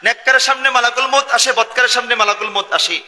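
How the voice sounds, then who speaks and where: High-voiced, sharp preacher calling on his crowd. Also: fast talker. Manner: calls on the crowd to answer, chants Arabic verses in sing-song. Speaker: preacher (mufti). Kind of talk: Bengali Islamic sermon. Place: sermon gathering with live audience. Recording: long booming hall reverb.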